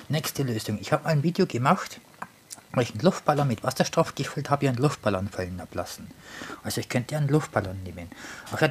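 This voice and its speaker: A man giving casual commentary on his hands-on experiments, halting and thinking aloud, often repeating and rephrasing himself, recorded indoors on a handheld camera. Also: mid-range voice, a little hiss or hum. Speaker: hobby tinkerer presenting experiments.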